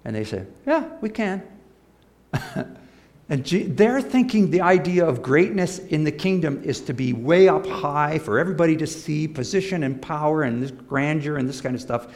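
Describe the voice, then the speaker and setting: A man's voice: a little high, lively intonation, a little fast, hardly any pauses, a little mellow. A man preaching a sermon as a pastor, in conversational podium speech, reading scripture aloud and explaining it.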